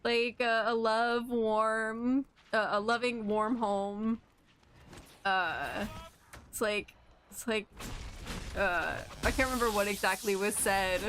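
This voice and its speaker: A young woman streaming a game, chatting casually, giggling, swearing a lot and getting excitable. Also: a little high, slow pace, slight background noise. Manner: giggly, excitable and profane, with frequent filler words. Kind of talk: casual gameplay commentary.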